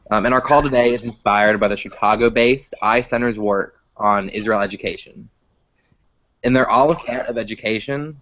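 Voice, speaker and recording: A man's voice: lowish voice, fairly bright tone. A teenage boy hosting an online video call, reading his prompts with fillers. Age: teens. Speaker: host. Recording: dull lo-fi call audio.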